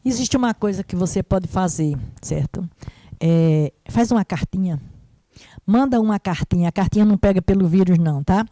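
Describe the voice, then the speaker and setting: Conversational woman counselor, mellow voice. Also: medium pitch, moderate pace, no room sound. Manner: warm, conversational, repeats "né?" and "certo?". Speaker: mental health professional. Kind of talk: live-stream Q&A answer.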